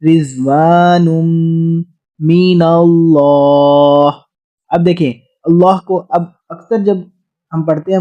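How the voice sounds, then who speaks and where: A man teaching Quran recitation, explaining rapidly in speech and then chanting verses slowly and drawn out. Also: a little high, warm tone. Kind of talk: recitation lesson. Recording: dull lo-fi recording.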